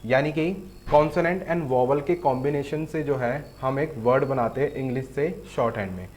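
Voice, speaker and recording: A man's voice: medium pitch, normal speed, a little mellow, slight background noise. A man teaching shorthand in an online lesson, patiently explaining each stroke step by step. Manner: patient, explains step by step with frequent "theek hai". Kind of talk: online lesson with board demo.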